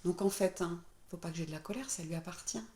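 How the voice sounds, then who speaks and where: A woman's voice: on the low side, quick pace, mellow. Woman medium chatting casually to viewers, lots of fillers, echoey room. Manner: chatty and informal, with frequent fillers. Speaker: spiritual medium and therapist. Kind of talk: casual explanatory talk to viewers. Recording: roomy echo.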